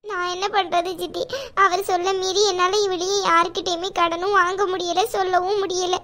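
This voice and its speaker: Woman voicing a timid young cartoon wife, tearful, pleading, apologetic, very high voice. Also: flat delivery, moderate pace, sharp tone. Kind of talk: cartoon voice acting.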